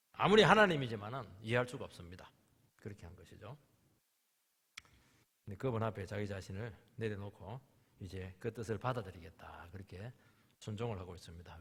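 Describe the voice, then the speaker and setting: A man preaching a sermon as pastor, impassioned, swinging between loud outbursts and hushed whispers. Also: fairly high pitch, husky. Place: church sanctuary. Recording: long church reverb.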